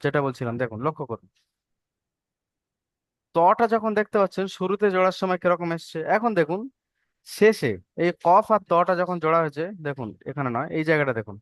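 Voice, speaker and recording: A man teaches letter forms to an online class, slow and patient, often asking whether everyone follows. His voice sits high and rings clear. The recording is close and dry. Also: lively intonation, fairly bright tone, no echo. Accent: Bengali. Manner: patient, repeats and checks understanding. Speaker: Arabic script teacher.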